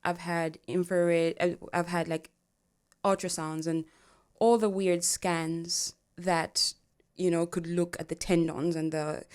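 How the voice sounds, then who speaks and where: A woman co-hosting a podcast in casual chat, animated and laughing often as she talks. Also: on the low side, clear, resonant tone. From Africa. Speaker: podcast co-host.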